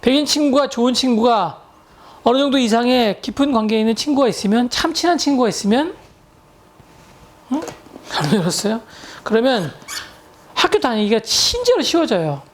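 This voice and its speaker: Chatty woman telling stories, fairly high voice. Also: sing-song, moderate pace, long pauses, a little hiss or hum. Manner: chatty anecdotes with English words mixed in. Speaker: English tutor and lecturer. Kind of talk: storytelling lecture to viewers.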